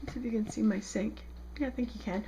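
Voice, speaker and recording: Here the speaker's voice sits a little high and gravelly, and she talks at a quick pace over a very noisy background. She's a South Jersey woman demonstrating a soap recipe in her second-floor home kitchen, chatting through the tutorial casually with plenty of ums.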